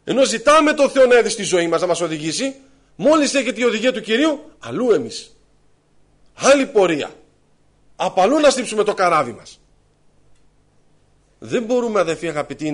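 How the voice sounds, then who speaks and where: A man preaching an earnest sermon to his congregation, addressing them as brothers and sisters and telling a parable with acted-out voices. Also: sits high.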